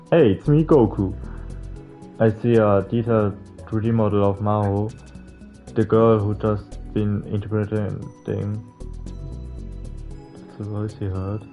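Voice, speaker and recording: A man with a lowish, mellow, expressive voice plays through a visual novel at a slow pace with long pauses. He reads the text aloud in a casual, informal way, stumbling, swearing a bit, and adding his own remarks as a let's player. Game music plays in the background.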